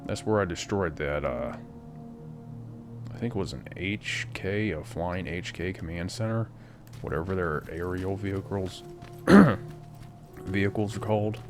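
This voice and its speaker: Deep-voiced man with crude gameplay banter. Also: a little slow, pauses often. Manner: crude, joking, rambling. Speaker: gameplay commentator. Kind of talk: casual let's-play commentary. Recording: game music loud behind the voice.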